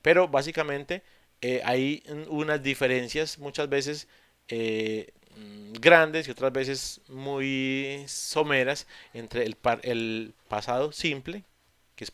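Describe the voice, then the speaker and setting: A man teaching English in an online class, explaining patiently step by step with pauses and fillers. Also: mid-range voice, fairly bright tone, clean tone, dry recording. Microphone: computer mic on a video call.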